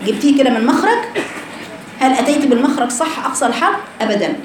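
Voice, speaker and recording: A woman with an Egyptian accent teaching a recitation lesson to women, explaining slowly and voicing letter sounds aloud to demonstrate. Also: high-pitched, animated. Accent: Egyptian Arabic. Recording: echoey room with background noise.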